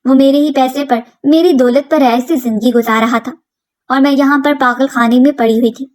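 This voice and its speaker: A woman's voice: high-pitched, fairly even intonation, moderate pace, darkish tone. A woman telling a dramatic story in the first person, reading a script in an earnest storytelling manner.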